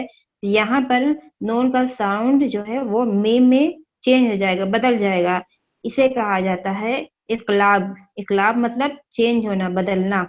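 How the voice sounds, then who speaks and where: Slow, patient woman teaching recitation. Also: fairly high pitch, dull audio. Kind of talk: spelled-out Quran reading lesson.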